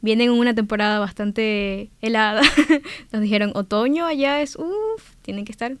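A woman's voice: on the high side, normal speed, clear, resonant tone, dry recording. A young Ecuadorian woman in her twenties, a cheerful exchange student who laughs often while answering radio interview questions. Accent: Ecuadorian Spanish. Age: 20s.

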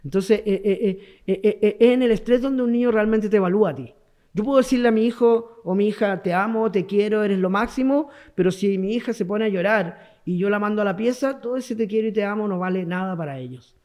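Speaking fast in a high, slightly mellow voice, a Chilean-accented man serves as guest expert in a radio and TV interview. He makes his points emphatically and keeps repeating key words.

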